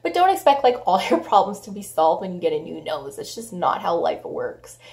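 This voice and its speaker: Hoarse young woman vlogging frankly. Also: lowish voice, big pitch swings, fairly quick, a little mellow. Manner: frank and chatty, with frequent swearing and "like" fillers. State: hoarse from a cold. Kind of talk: casual vlog talk to camera.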